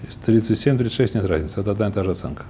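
A man's voice: fairly low pitch, very fast, mellow, slight background noise. A man teaching an informal religious text lesson, often searching for words and rephrasing as he explains and translates. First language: not a fully fluent Russian speaker by own account.

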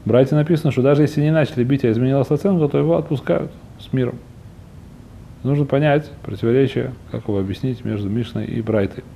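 Talking quickly with a mellow tone and vocal fry, a man with a mid-range voice leads a casual lesson on a religious text. He explains and translates, often groping for words and rewording, and by his own account isn't a fully fluent Russian speaker. Slight background noise is audible.

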